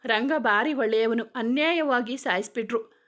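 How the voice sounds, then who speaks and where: A woman's voice: on the high side, moderate pace, a bit bright, close to an everyday voice. Woman voicing a naive, heartbroken village girl. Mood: confessing. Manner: pleading, tearful confession.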